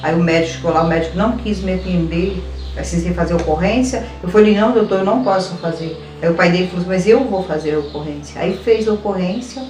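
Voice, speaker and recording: A woman's voice: fairly low pitch, fast, darkish tone, a little hiss or hum. Brief: Brazilian woman, documentary interviewee, intense recollection, recorded far off in a reverberant room with music. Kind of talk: personal testimony. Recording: echoey room, distant mic, faint music.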